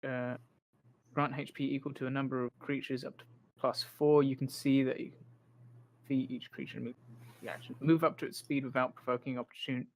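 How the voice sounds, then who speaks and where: Game master reading rules aloud. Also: male voice, medium pitch, flat delivery, brisk, gravelly. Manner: thinks aloud while reading rules, many fillers. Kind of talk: running a tabletop game.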